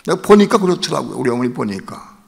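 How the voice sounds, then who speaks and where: A gravel-edged man in his sixties delivers a passionate evening sermon as the church's pastor. His voice rings out in a long church-hall reverb, sometimes rising into loud outbursts and sometimes sinking to hushed, low asides. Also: very animated, fast talker. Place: church sanctuary during an evening service.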